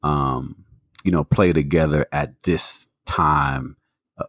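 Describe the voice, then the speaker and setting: Co-hosting a casual sports podcast, a man argues his point with stats and plenty of fillers. He has a steady bass voice with a fairly bright tone, speaks slowly, and the recording is dry and studio quality.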